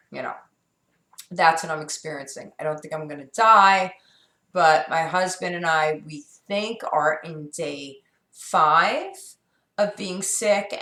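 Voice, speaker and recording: A middle-aged New York woman vlogs casually in an echoey room, her low, slightly bright voice roughened by a sore, scratchy throat. She rambles candidly, with frequent fillers and restarts.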